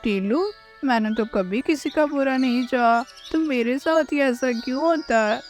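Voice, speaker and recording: A woman's voice: high voice, a little slow. A woman voicing a young boy bird who is waiting for an operation, sounding tearful and hopeful. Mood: sad. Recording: faint music behind the voice.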